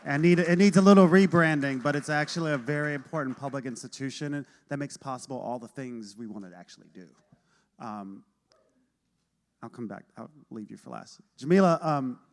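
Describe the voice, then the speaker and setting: A man's voice: mid-range voice, brisk. A man moderating a panel, wrapping up with appreciative remarks to each speaker. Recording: reverberant hall.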